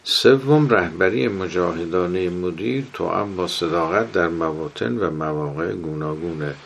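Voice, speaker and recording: Deep, gravelly man giving a religious lecture. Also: a little hiss or hum. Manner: quotes Arabic sayings, swings between emphatic rises and soft drops.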